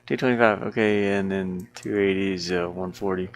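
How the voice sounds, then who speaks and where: With a low pitch and a steady tone at a moderate pace, an indie game developer thinks out loud. He rambles in an amused, casual way as he talks over a screen share of his game in progress.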